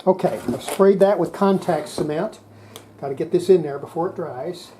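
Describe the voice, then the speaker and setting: Her pitch is fairly low and she talks at a normal speed over background noise. She hosts a radio repair video, chatting casually to herself while working at the repair bench, exasperated and letting out mild swears.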